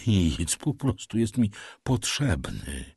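A man's voice: fairly low pitch, wildly swooping pitch, takes it slowly, vocal fry, breathy edge, dry recording, clean studio sound, full character voice. A man reading as a troubled, firm father. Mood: gentle. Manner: gentle, firm. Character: troubled older father, gentle but firm. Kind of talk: audiobook character reading.

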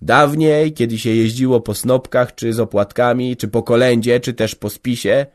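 A man's voice: mid-range voice, moderate pace, lightly acted. A man voicing a complaining, talkative middle-aged village organist, raising his voice as he grumbles. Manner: lively, grumbling, raised voice.

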